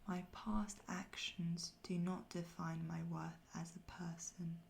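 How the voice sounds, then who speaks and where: Soft woman doing a whispered pep talk, asmr affirmations, slow n flat, bit of fry, faint noise behind her. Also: lowish voice. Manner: soft, breathy near-whisper; slow, repeated phrases with pauses.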